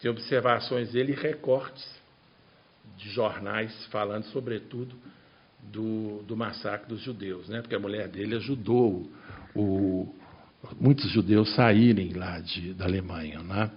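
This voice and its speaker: Husky-voiced male professor, muffled audio. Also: fairly low pitch, fairly even intonation, a little slow. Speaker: literature professor. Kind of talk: panel discussion.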